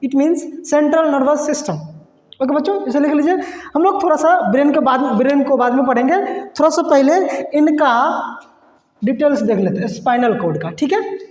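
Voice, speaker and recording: A man's voice: very high-pitched, normal speed, darkish tone, reverberant, big-room sound. A man teaching biology to students, repeating key terms, quizzing the class and mixing in English phrases. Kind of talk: classroom lecture.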